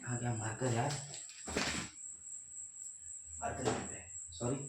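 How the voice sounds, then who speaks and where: A man's voice: mid-range voice, fairly even intonation, fast, distant mic, heavy background noise. Young male teacher with a Hindi accent. Repetitive, asks rhetorical questions, echoey room. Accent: Indian, Hindi. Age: young adult. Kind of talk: classroom lecture.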